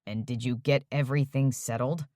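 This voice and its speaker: A woman's voice: extremely low pitch, fairly even intonation, moderate pace, warm tone, dry recording, clean studio sound, pitched below the performer's own voice. A woman voicing an uptight young man who answers curtly and mutters when annoyed. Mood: irritated. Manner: curt and muttering.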